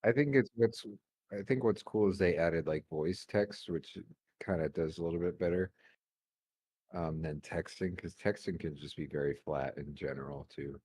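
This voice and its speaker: A man's voice: deep voice, moderate pace, darkish tone, husky, dry recording. A young man in a casual voice chat while gaming, talking in a laid-back, rambling way with casual swearing. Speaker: gamer chatting with a friend.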